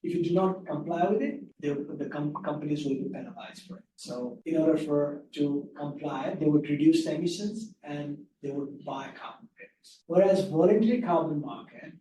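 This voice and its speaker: A soft-spoken man walks listeners through a slide presentation in an unhurried, explanatory way. His voice sits a little high for a man. He sounds distant from the mic in an echoey room. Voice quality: soft-spoken, low volume. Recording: echoey room, far from mic, faint hum.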